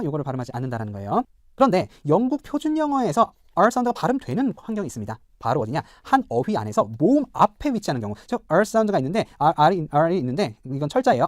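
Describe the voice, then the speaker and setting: A man speaking, lecturing as a professor on English pronunciation and repeating example words slowly to model them. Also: a little high, darkish tone, dry recording, clean studio sound. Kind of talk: explanatory lecture with spoken word examples.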